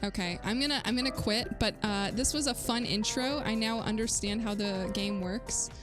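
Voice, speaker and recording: A woman live-streaming a game from home, chatting casually and rambling, prone to shrill startled shrieks. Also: moderate pace, music in the background. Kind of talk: casual live-stream chat while gaming.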